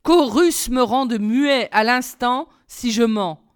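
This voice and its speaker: A woman reading aloud, voicing an eager, cheerful young prince in a lively, raised voice. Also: on the high side, slow, clear, resonant tone. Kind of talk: storybook reading.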